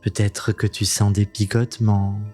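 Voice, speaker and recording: A man leading a guided meditation in a soothing, gentle, intimate voice that sounds close to the ear, unhurried and calming, as the host of the practice. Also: fairly low pitch, soft background music. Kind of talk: slow guided meditation narration.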